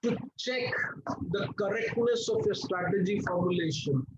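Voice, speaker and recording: A high-pitched male teacher with an Indian accent lectures an online class. He coaxes his students along, often checking their attention and posing questions that he answers himself. The audio is dull and lo-fi, with faint noise. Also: normal speed. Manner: coaxing, checks attention, asks and answers own questions, drops into Hindi.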